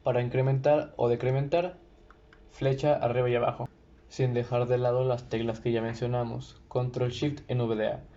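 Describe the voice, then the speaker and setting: A man with a gravelly, mellow voice calmly explains each step of a software tutorial. The recording is slightly dull, with faint hiss underneath. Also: mid-range voice, moderate pace. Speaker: tutorial presenter. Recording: lo-fi with faint noise.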